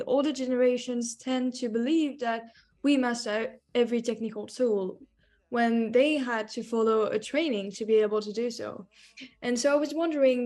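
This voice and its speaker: Young woman from France, student panelist, higher voice, reads prepared points. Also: darkish tone. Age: young adult. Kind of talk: student podcast, read from notes.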